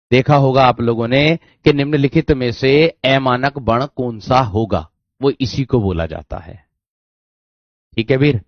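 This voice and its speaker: A man teaching a Hindi grammar class online, repeating key phrases, slowing down to dictate and often checking whether students understood. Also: mid-range voice, no room sound. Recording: dry, dull lo-fi sound.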